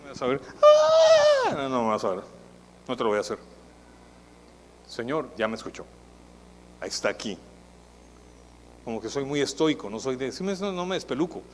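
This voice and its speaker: A man preaching a sermon as pastor, in a conversational, animated way that acts out the people he quotes. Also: medium pitch, normal speed, pauses often, in a large hall, slight background noise, rough recording. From Colombia. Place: church hall.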